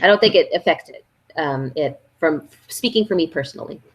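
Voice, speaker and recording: A woman's voice: low-pitched, expressive, fairly quick, husky. A woman in her thirties chatting as a guest about board games, full of fillers and easy laughter. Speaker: guest, board game channel host. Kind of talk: casual live-stream interview.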